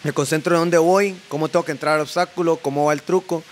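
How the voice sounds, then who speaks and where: A young Costa Rican man with a Costa Rican accent, a podcast guest telling animated stories full of filler words and sound effects. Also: fairly high pitch, fast, slight background noise. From Costa Rica. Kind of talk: casual chat.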